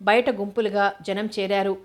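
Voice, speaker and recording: A woman narrating a novel in a steady, even way. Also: medium pitch, normal speed. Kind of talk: audiobook novel reading.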